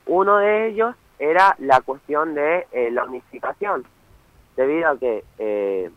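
This phone interview features a young man from Misiones speaking Argentine-accented Spanish as a student activist, earnestly explaining his cause and often checking in with "¿sí?". His voice is on the high side with lively intonation, a little slow. There is no room sound, though the phone line is muffled.

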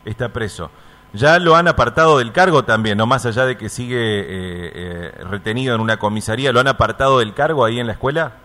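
A man interviewing a caller on the radio, asking gentle, probing questions with frequent hesitations. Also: mid-range voice, brisk.

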